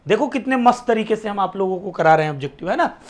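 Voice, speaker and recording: A high, lively male teacher with a Bihari Hindi accent runs an exam-prep lesson. He keeps asking his students questions and repeats each answer back to them. He often sinks to a near-whisper on the answers. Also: quick pace.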